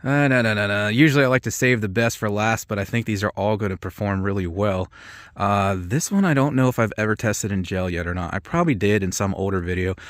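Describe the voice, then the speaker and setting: A man's voice: lowish voice, a little fast, no echo, studio quality. A man hosting a video, explaining products in a casual, rambling, informal way. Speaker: host of an ammunition test channel. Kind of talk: casual product-test commentary.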